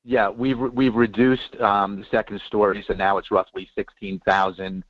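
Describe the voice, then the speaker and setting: Man, very low voice, over the phone, dry muffled line, hesitant, many ums, earnest. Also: flat delivery, normal speed, dry recording. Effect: heard over the phone line. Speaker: caller, homeowner addressing a review board. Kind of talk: public comment at a board hearing.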